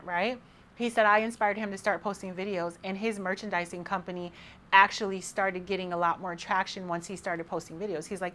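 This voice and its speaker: A young woman hosting her podcast in a casual monologue, talking to listeners in an animated, encouraging way. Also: medium pitch. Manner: animated, encouraging, faith-filled pep talk. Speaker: podcast host.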